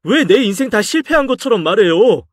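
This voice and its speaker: A man's voice: high-pitched, sing-song, a little fast, dry recording, clean studio sound, voice pushed up. A man reading a story aloud and voicing a sulky, hopeless young adult son who talks back in a raised voice. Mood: defiant. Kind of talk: audio drama story reading.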